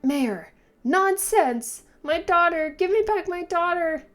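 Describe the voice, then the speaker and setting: A woman's voice: mid-range voice, level tone, slow, vocal fry. A woman voicing a grieving, furious village mother from a manga, urgent and pleading. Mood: furious, anguished.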